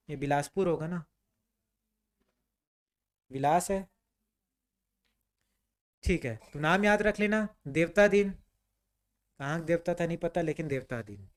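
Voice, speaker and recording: A man teaches a history class. His voice sits high and sounds clean and smooth. He fires off questions and answers them himself, with a casual, chatty flow. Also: slow pace, pauses often. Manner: quizzing students, answering his own questions; conversational, repeats "ठीक है" often.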